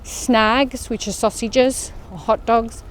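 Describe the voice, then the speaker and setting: A woman's voice: a little high, fairly even intonation, slow pace, a little hiss or hum. Chatty Australian woman walking and talking. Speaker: fitness vlogger leading a walk. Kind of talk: casual walk-along chat. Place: outdoor park path.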